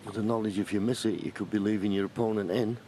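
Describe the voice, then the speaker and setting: A man giving low-key, analytical snooker commentary as play goes on. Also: steady tone, fast talker, warm tone. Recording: faint arena background noise.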